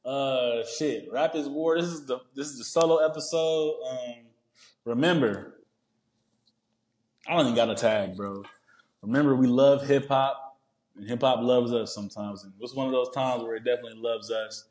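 A man with a Boston accent hosting a solo podcast, talking in a profane, excitable and emphatic way. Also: mid-range voice, normal speed. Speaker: podcast host. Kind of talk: casual solo podcast monologue. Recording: roomy echo.

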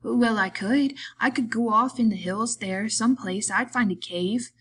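A woman's voice: a little high, unhurried, a bit bright, slight background noise, pitched above the performer's own voice. A woman voicing a simple-minded, childlike grown man who speaks in a plaintive, pleading rural way.

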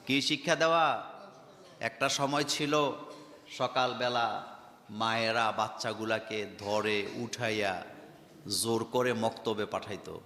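A man's voice: on the low side, bright, forceful tone. Brief: male preacher, emphatic, quizzing the crowd, roomy hall echo. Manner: emphatic, rhetorical questions to the audience. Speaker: Islamic preacher. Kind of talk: Bengali waj sermon. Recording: echoey hall reverb.

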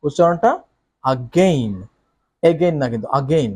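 Animated male English teacher, slightly high voice. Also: husky. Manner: switches between explaining and reading English lines slowly with exaggerated expression; often asks tag questions to the viewer. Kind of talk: explaining how to read a story aloud.

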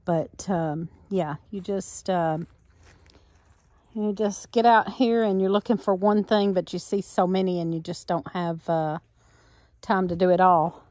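Medium in pitch and darkish in tone, this voice comes through with no echo. It belongs to a middle-aged woman vlogging her homestead as she walks and films the woods behind her farmhouse, chatting folksily, laughing easily and filling gaps with lots of fillers.

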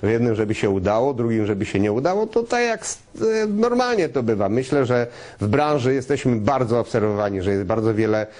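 A man speaks as a business guest in a television interview. His voice sits at a medium pitch. He builds his answers haltingly, addressing the viewers directly in a promotional way. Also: sing-song, a little mellow. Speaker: interview guest, trade fair business executive.

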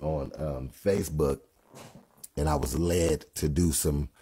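Man hosting a live stream, dark husky voice, loose and chatty with viewers, phone mic. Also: a bass voice, steady tone. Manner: slows down to read scripture aloud. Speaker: livestream host and gospel rapper. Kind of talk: casual livestream Bible talk.

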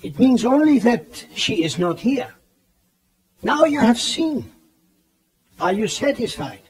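Grave old professor, audio horror drama. Authoritative, theatrical, swooping intonation, deliberate delivery. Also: male voice, extremely high pitch, big pitch swings, a crowd in the background, exaggerated voice. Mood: grave, knowing. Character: commanding, grave elderly professor and vampire hunter. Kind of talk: dramatized audio play acting. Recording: 1979 cassette audio drama, background bustle.

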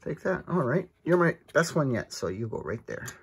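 A man's voice: on the high side, big pitch swings, normal speed, breathy edge. A man hosting a casual card-opening vlog, chatting with enthusiasm and frequent asides from an indoor table. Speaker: card-opening channel host.

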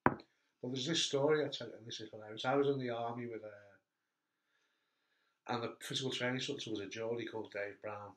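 A middle-aged man hosting a casual interview chat, telling stories with animated bursts. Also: mid-range voice, brisk, long pauses. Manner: animated storyteller, voice jumps up when telling funny bits. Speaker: host. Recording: echoey room.

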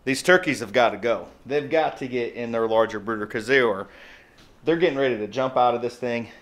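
This American homestead vlogger, a man in his thirties, addresses the camera casually with folksy, colloquial talk. He has a medium-pitched, fairly bright voice and speaks a little fast. He's recorded in a yard outdoors and in a garage, amid background noise, wind, and birds.

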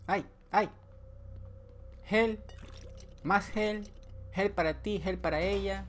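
A man's voice: high-pitched, steady tone, takes it slowly, slight background noise. A man commenting his way through a horror video game, joking, talking back to the game and letting out sudden yelps. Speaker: gameplay streamer. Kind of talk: playthrough commentary.

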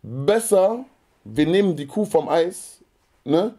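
Ein Mann spielt einen höflichen, aber bestimmten italienischen Vereinsfunktionär, der Deutsch mit italienischem Akzent spricht. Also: male voice, a little high, animated, takes it slowly, mellow, voice pushed up. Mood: conciliatory. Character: polite but firm Italian football club official, man.

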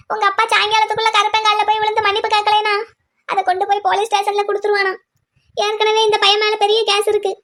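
A woman's voice: extremely high pitch, fairly bright tone. A woman voicing an anxious mother of two grown sons in a cartoon, lamenting and blaming herself. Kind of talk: cartoon voice acting.

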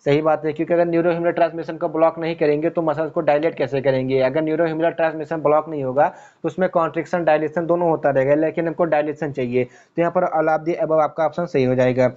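A man with a fairly high, mellow voice teaches pharmacy exam questions. He reads the question slowly, then explains it fast, asking himself questions as he goes. The sound is a little dull and lo-fi. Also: fairly even intonation. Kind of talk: exam-prep lecture explaining multiple-choice answers.

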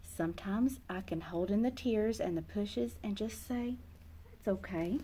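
A woman in her thirties, a storyteller hosting a read-aloud, reads a children's picture book in a small indoor classroom or reading room. Her medium-pitched voice is warm with a breathy edge, and she takes her time. She expressively acts out the young narrator's feelings.

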